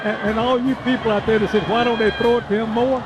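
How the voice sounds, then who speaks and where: A man's voice: very high-pitched, level tone, fast. A man giving conversational radio sports color commentary in a folksy, partisan way. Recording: loud stadium crowd and music behind. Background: crowd noise and music.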